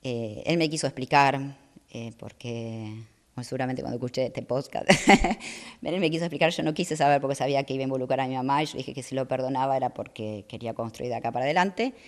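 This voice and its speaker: Woman, middle-aged, soft-spoken, hesitant, casual interview guest. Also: very deep voice, fast. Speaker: guest athlete.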